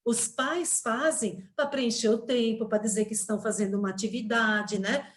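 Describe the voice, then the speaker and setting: A woman's voice: fairly high pitch, steady tone, moderate pace. A Brazilian woman in her fifties giving a webinar lecture as a teacher trainer, explaining at length with frequent tag questions and fillers. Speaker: guest speaker, teacher trainer.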